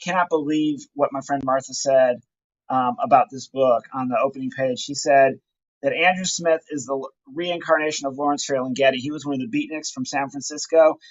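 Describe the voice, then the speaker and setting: Dull lo-fi handheld camera audio captures a poet on a walking tour, casually and effusively selling his book with plenty of enthusiasm. His mid-range voice is steady and brisk, and the recording is dry.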